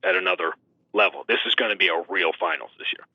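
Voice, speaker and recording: A man who works as a sports announcer appears as an animated, emphatic guest talking basketball, leaning on rhetorical questions. His voice sits low and is husky, and he talks fast over a dull, radio-like line in a dry recording.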